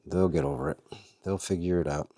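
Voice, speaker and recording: Deep-voiced man chatting through a how-to. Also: brisk, warm tone, dry recording. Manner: chatty, talks to his worms as he works. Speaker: vlog host and worm farmer. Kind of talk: casual how-to demonstration.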